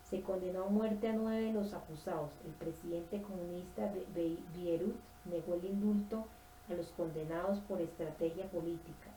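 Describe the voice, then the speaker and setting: A woman reading a nonfiction history book aloud at a steady pace, sometimes stumbling and correcting herself. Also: lowish voice, reverberant, a little hiss or hum, poor audio. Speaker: audiobook reader.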